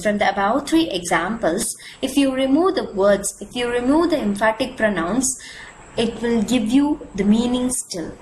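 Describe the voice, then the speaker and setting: A woman teaches a grammar lesson, walking through examples patiently. Her fairly high voice rises and falls a lot. The room echoes, with a faint hiss behind her. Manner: patient, explains step by step with examples. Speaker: English teacher.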